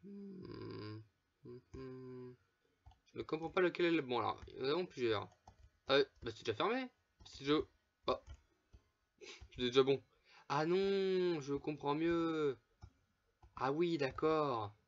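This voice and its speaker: A gameplay commentator talks loosely and chattily as he plays a let's play, swearing freely, laughing between remarks, and tossing asides to viewers. His voice is ordinary middle pitch, gravelly and expressive, a little slow with frequent pauses. The recording is somewhat dull and lo-fi, with mouse clicks in the background.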